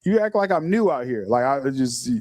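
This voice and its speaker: With a mid-range voice and moderate pace, a middle-aged man chats animatedly while hosting a casual podcast livestream. He often laughs and stumbles over repeated words, and there's no room sound.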